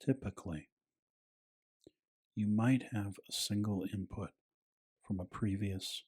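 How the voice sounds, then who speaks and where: A man narrating a scripted bedtime piece in a hushed, soothing, soft-spoken ASMR style with a breathy voice. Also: lowish voice, slow pace.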